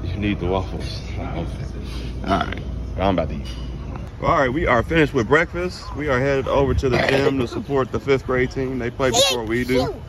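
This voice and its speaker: A man's voice: mid-range voice, lively intonation, moderate pace, over music. A man in his thirties casually vlogging a road trip on a phone held at arm's length, chatting easily and repeating himself. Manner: easygoing, repeats phrases, chats to his son. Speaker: vlogger father. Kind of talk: casual travel vlog. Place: car, hotel and outdoors. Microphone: phone camera held at arm's length.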